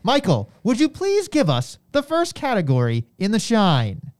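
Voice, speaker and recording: A man's voice: sits high, huge pitch swings, measured pace, very noisy. A man co-hosting a podcast in a casual, conversational way, repeating phrases as he reasons things out. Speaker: podcast co-host. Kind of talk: casual discussion of wrestling.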